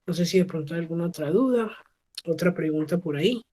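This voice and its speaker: A woman teaching an English lesson over a video call, with a voice a touch lower than most. She talks patiently and stops often to check that the class is following. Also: fast talker, mellow. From Colombia. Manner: patient, checks understanding with frequent "¿sí?". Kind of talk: online class explaining pronunciation.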